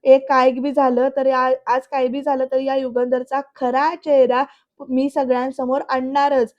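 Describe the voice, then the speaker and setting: A woman's voice: sits high, flat delivery, darkish tone, dull audio. Woman reading as a defiant rustic man. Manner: rustic village speech, slow and emphatic. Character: defiant middle-aged man accusing his brother.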